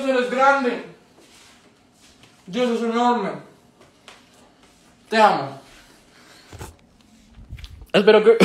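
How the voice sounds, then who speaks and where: A young man with a Colombian accent chatting on a live stream, theatrical and gushing, swearing freely. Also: high voice. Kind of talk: casual live stream chat.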